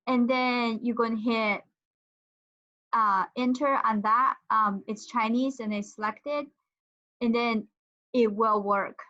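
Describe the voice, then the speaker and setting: A woman's voice: a little high, fairly even intonation, slow, pauses often, pushed and bright. A woman giving a casual tutorial demonstration, thinking aloud with some hesitation. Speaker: instructor. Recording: dull lo-fi audio.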